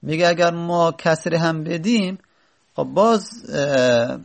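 Male teacher, fry-tinged slightly high voice, patient line-by-line text explanation, lots of pauses. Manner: reads an Arabic line, then explains it with many pauses and "uh" fillers. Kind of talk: explaining an Arabic grammar text.

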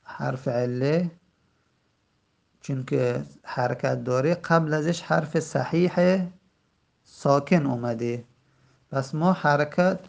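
Gravelly man teaching a grammar lesson. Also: on the high side, darkish tone, highs cut off. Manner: stretches out the example words slowly, then explains in quick asides.

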